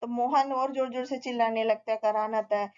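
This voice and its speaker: A woman retells a story in a loose, conversational way, often restarting her sentences. Her voice sits fairly high, and the recording has a slightly dull, lo-fi sound. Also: steady tone, brisk, darkish tone, clean tone. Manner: casual, with restarts and fillers.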